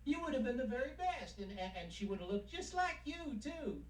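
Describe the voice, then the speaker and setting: An actor playing a sentimental, devoted husband in a television soap, emotional and adoring. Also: male voice, extremely high pitch, big pitch swings, a little fast. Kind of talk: television soap opera acting. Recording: roomy, distant 1970s TV soundtrack.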